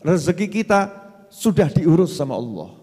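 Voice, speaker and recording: A man's voice: on the high side, very animated, normal speed, dark tone. A male preacher, giving a sermon and quizzing his audience in call-and-response. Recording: long hall reverb.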